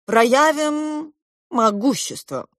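A woman voicing a bossy, playful male king in a children's audiobook, giving loud commanding proclamations. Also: high voice, expressive, very slow, no room sound, studio quality, voice pushed up, full character voice. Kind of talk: audiobook character voice.

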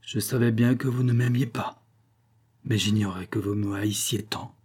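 A man's voice: medium pitch, moderate pace, dark tone, close to an everyday voice. A man reading an audiobook voices a lovelorn, wounded nobleman who speaks with restraint and sighs. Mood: sorrowful. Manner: restrained and sighing. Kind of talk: audiobook character voice.

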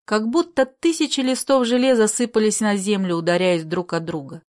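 A woman narrating a literary story in a measured, expressive reading style. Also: medium pitch.

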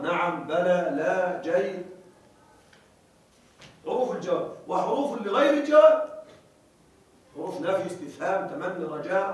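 High-voiced man teaching in an echoey hall. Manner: checks on students with repeated questions, stresses example words; slows down to spell out examples. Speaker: grammar teacher. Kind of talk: classroom lesson. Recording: very echoey room, far from mic.

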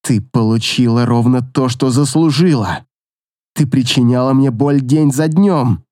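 Man doing a cruel shrill mother, audiobook, swooping accusing voice, dry close sound. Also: sing-song, takes it slowly, darkish tone, no echo. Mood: scornful. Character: cruel, shrieking middle-aged mother, scornful. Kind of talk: audiobook character voice.

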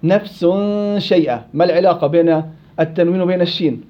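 Guy teaching tajweed, high voice, rattles off questions to the class, muffled lo-fi audio. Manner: quizzing students with quick questions. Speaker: Quran recitation teacher. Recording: dull lo-fi classroom recording.

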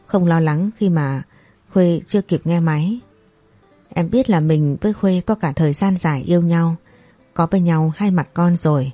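A woman's voice: lowish voice, moderate pace, warm tone, no room sound, soft background music, close to an everyday voice. A woman voicing a troubled married man who talks in a plain, reassuring way.

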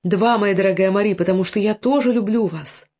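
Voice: medium pitch, a little fast, darkish tone, lightly acted. A reader voicing a devoted, brave young nobleman who speaks with impassioned earnestness, on a dull lo-fi recording.

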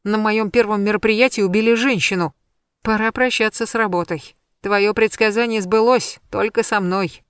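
A woman's voice: medium pitch, fairly even intonation, moderate pace, clear, resonant tone, dry recording, lightly acted. A woman voicing a young woman who is the heroine's friend, grumbling and then upset close to tears. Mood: distraught.

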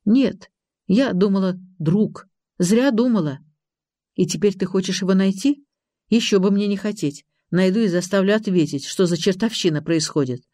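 A reader voicing a blunt, impatient young woman on the run who fires off sharp questions, in an audiobook. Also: mid-range voice, normal speed, dry recording, clean studio sound, lightly acted. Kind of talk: audiobook character reading.

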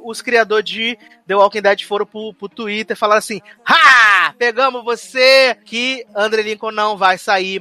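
A Brazilian man co-hosting a podcast, giving an animated, mocking recap of a TV episode in casual chat. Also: high-pitched. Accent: Brazilian Portuguese. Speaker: podcast co-host.

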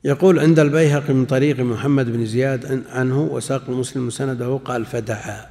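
A male scholar delivering a religious lesson, talking at a measured pace and repeating key phrases as he explains them. His voice sits at an ordinary middle pitch. The recording carries a long reverb, as if made in a large hall. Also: steady tone, mellow. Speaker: Islamic scholar. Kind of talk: lecture explaining hadith commentary.

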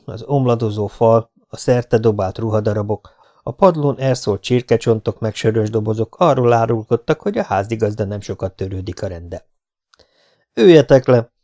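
A man narrating an audiobook of a novel in a steady, measured way. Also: fairly low pitch. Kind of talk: reading a novel aloud.

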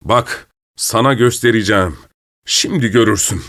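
A man voicing an agitated gentleman in spectacles who shouts orders. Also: fairly high pitch, lively intonation, unhurried, no room sound, studio quality, voice pushed up. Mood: angry.

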